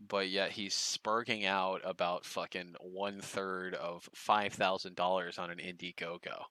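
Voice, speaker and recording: A man's voice: sits low, flat delivery, a little slow, pushed and bright, dry recording. A man streaming, commenting on a played clip in a sneering, sarcastic and profane way. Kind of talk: mocking reaction commentary.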